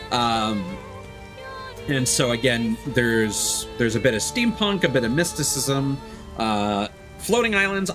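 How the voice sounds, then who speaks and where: A man with a medium-pitched, fairly bright voice rambles casually through live commentary, thinking aloud as he plays a video game. Game music plays behind him.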